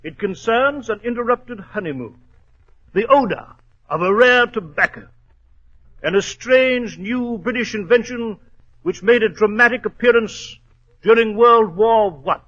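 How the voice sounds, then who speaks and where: An actor playing an earnest gentleman doctor and storyteller, precise and excitable, in 1940s radio style on a muffled recording. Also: high-pitched, measured pace, exaggerated voice. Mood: genial storytelling.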